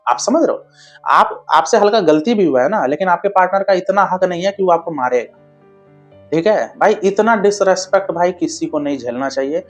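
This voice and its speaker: Man, relationship advice talk, blunt and chatty, checks the viewer keeps up, a bit high-pitched, soft music behind. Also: animated, brisk. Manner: blunt, keeps asking "understand?" and calling viewers brother.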